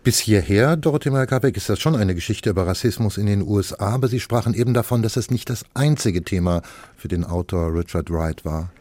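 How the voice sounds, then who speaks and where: A man hosting a radio book review show, presenting titles and asking a guest measured questions. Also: fairly low pitch, expressive, darkish tone, dry recording. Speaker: radio culture show host. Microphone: studio microphone.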